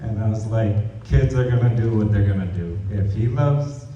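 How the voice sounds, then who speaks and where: A man with a low, very dark and mellow voice tells loose stories of a coach at a memorial, halting on filler words. He is heard from far off in a big echoey hall, the sound muffled and dull. A faint hum sits behind him. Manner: informal, rambling, many "uh"s. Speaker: parent speaking at a memorial. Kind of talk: personal storytelling at a memorial. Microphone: distant room mic.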